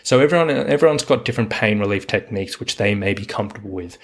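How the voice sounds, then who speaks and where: A man's voice: lowish voice, expressive, fast. A man hosting a solo coaching podcast, talking in an earnest, reassuring way and repeating words for emphasis. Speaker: podcast host, hiking coach.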